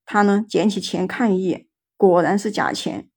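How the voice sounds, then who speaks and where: A woman storyteller host narrating a ghost story in a chatty, relaxed way with many filler words. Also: medium pitch, moderate pace, slightly rough.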